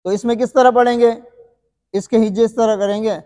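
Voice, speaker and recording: A man teaching Quran recitation rules in a lesson, who keeps asking his students questions, answers them himself, and slowly draws out example recitations. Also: sits high, steady tone, warm tone, in a large hall. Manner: slow, drawn-out demonstration recitations. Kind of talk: classroom-style recitation lesson.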